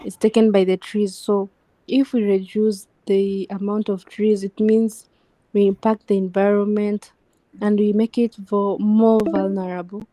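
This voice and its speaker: Slow, mellow-voiced Tanzanian woman panelist. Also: mid-range voice, flat delivery, dry recording, rough recording. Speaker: panel speaker. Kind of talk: discussion panel talk.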